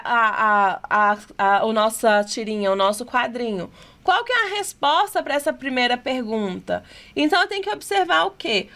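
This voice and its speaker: High-voiced Brazilian woman teaching English. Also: pushed and bright. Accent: Brazilian Portuguese. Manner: asks rhetorical questions, reads English items slowly and deliberately. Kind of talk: exam-prep lesson explaining test questions.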